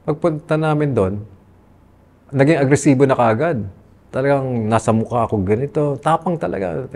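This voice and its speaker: A Filipino-accented man speaking at a middle, ordinary pitch, telling his own story in an interview. He sounds earnest and aggrieved as he lays it out. He slips between Tagalog and English mid-sentence. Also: warm tone. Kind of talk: candid personal testimony.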